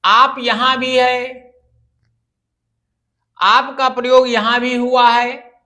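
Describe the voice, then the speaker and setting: Woman, teacher, grammar lesson, patient, repeats points, asks questions, slightly high pitch, slow pace. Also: little pitch movement, pushed and bright. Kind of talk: grammar lesson for exam students.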